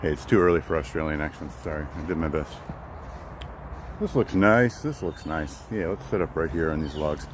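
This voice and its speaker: A man's voice: rumbling low, moderate pace, background noise. A man live-streaming a hike on a wooded trail, chatting casually and greeting viewers by name, with a rambling way of repeating his words. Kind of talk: casual live-stream chat while hiking. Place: outdoors on a wooded nature trail.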